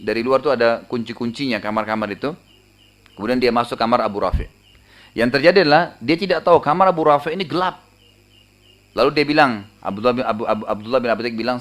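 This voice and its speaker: A male preacher, telling a story in a sermon and acting out the voices in it with sudden pitch jumps. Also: a bit bright.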